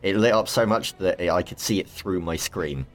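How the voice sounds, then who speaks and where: A man hosting a casual gaming podcast, chatty and rambling with quick asides. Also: low voice. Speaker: podcast host. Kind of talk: casual chat.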